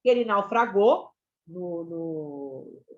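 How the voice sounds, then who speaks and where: A woman's voice: lowish voice, lively intonation, slow pace. A Brazilian woman teacher giving a chatty online literature lesson to students, often checking in with them. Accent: Brazilian Portuguese. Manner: chatty, addresses students as "gente" and "galera". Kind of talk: online class lecture. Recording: slightly dull lo-fi sound.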